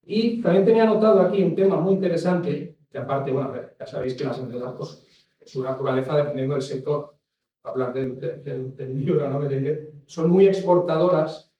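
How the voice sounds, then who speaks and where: Guy rambling through a talk, mellow tone, faint hum behind, far the mic. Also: fairly high pitch, normal speed, lo-fi sound. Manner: rambling, many restarts and asides. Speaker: industry expert. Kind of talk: talk on packaging regulation. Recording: echoey room from far off mic.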